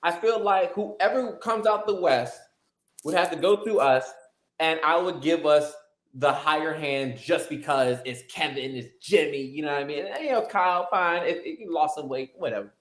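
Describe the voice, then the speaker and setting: A man's voice: on the high side, normal speed. A man guesting on a casual sports podcast, ranting animatedly and swearing often as he jokes. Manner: animated, profane, joking rants. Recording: roomy echoey sound.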